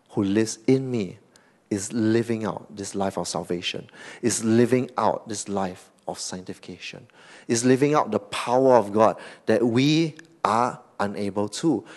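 A Singaporean man preaching a sermon as pastor, animated, often tagging lines with "okay?" and "right?", swinging between loud emphasis and soft asides. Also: lowish voice.

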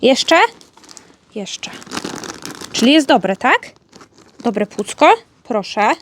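High-pitched lady baby-talking her dog at home, bit of background hiss. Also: lively intonation, drawn-out words. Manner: playful, coaxing baby talk to a pet. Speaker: vlogger, dog owner. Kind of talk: casual chat to her dog.

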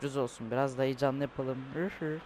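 A man's voice: medium pitch, steady tone, fast talker, noisy background. A young man commentating his own football video game, ranting and complaining with lots of swearing. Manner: frustrated, swears often, rants and complains. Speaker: gaming youtuber.

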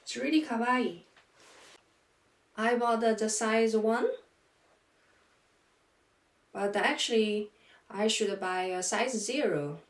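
Slow halting woman vlogger, echoey room. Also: fairly high pitch. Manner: halting, with many pauses and fillers. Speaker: fashion vlogger. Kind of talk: casual unboxing and try-on. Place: small room at home, indoors.

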